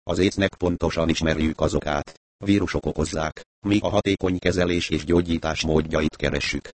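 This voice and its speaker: A man's voice: extremely low pitch, fairly even intonation. Man reading as an anxious female doctor. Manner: anxious, exclaiming questions. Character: nervous female doctor, frightened and fussy. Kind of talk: audiobook reading.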